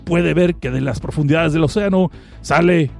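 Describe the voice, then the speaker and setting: A man's voice: on the high side, normal speed, gravelly, darkish tone, faint music behind. A man with a Mexican accent recapping an anime episode as a joke-filled comic narrator, full of crude slang and asides to his viewers. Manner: playful, slangy, crude jokes, talks to audience.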